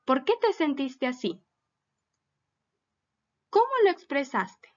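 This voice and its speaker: A woman's voice: on the high side, highs cut off. A woman teacher giving a recorded lesson for children, patiently asking them many questions.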